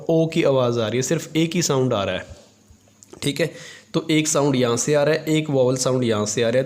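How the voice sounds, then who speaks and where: A man teaching an English grammar lesson in Hindi, explaining step by step, asking and answering his own questions, and drawing out English terms slowly as he dictates. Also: medium pitch, a little mellow.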